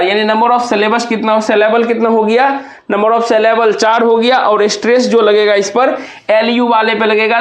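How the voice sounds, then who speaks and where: Guy teaching exam prep, really high voice, spells stuff out letter by letter, echoey room. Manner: explains step by step, spells words letter by letter; talks to students directly, asking and answering his own questions.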